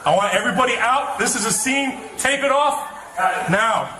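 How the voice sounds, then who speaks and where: A man's voice: very high-pitched, moderate pace. A male police officer giving clipped, commanding orders at a scene inside a building. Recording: echoey body camera audio with crowd noise behind.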